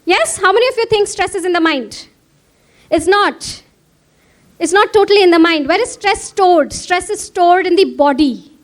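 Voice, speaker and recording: A woman's voice: very high voice, normal speed. A woman with an Indian English accent giving a conference lecture, engaging the audience with frequent questions.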